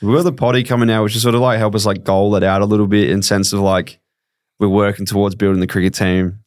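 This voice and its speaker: Fast-talking Australian guy telling stories. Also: lowish voice, no echo, clean studio sound. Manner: animated storyteller. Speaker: podcast guest. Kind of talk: casual chat, storytelling.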